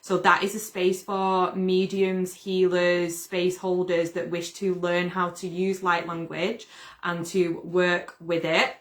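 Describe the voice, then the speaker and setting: A woman's voice: lowish voice, slow. A young woman from the UK, hosting a casual livestream, talking loosely with fillers as she wraps up. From United Kingdom. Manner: relaxed, fillers, promotional wrap-up. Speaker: livestream host.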